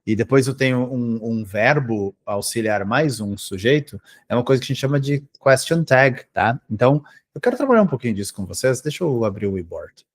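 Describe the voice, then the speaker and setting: A man speaking Portuguese teaches an English grammar review for exams, breaking each rule into small steps. His pitch swings widely, rising and dropping as he stresses examples. He keeps checking in with his students as he goes. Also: expressive, brisk. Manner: explains step by step, checks in with frequent "tá?". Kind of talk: grammar lesson for exam prep.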